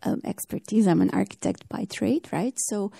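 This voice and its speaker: Gravelly, dark-voiced woman presenter. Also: medium pitch, moderate pace, no echo. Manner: friendly, thankful. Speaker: presenter, architect. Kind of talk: answering audience questions.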